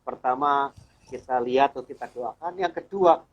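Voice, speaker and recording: A middle-aged man with a husky voice tells his personal testimony in an earnest, storytelling way. He slips into the voices of remembered conversations. The sound is dull and lo-fi. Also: mid-range voice, normal speed. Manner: earnest storyteller who acts out remembered dialogue. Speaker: church elder, guest speaker.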